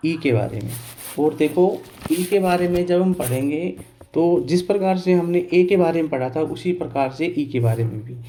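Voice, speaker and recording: A male teacher explaining pronunciation step by step, asking questions and answering them himself, repeating key words slowly and spelling out letters. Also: on the high side, expressive, dark tone. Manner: clears his throat now and then. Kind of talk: Hindi lesson on English pronunciation.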